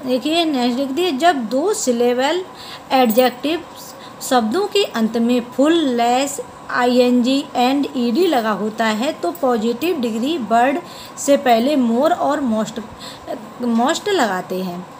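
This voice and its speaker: A woman's voice: high voice, expressive, slow pace, darkish tone, a little hiss or hum, rough recording. A woman teaching a grammar lesson, patiently repeating word forms and spelling them out.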